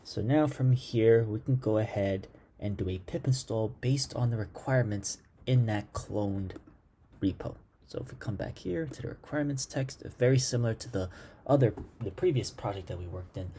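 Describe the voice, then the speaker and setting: A man's voice: on the low side, moderate pace, warm tone, slight background noise. A man teaching a coding lesson over his screen, thinking aloud and muttering commands as he types. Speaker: programming instructor. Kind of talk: screen-recorded coding tutorial.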